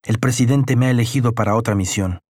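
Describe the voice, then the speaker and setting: A man reads a first-person audiobook in a measured, somber way. His voice sits at an everyday pitch, and the recording is close and dry with no echo. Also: darkish tone. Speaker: audiobook narrator.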